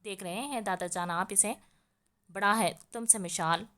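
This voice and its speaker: A woman voicing a stubborn, sharp-tongued young woman who taunts defiantly. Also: medium pitch, moderate pace, close to an everyday voice.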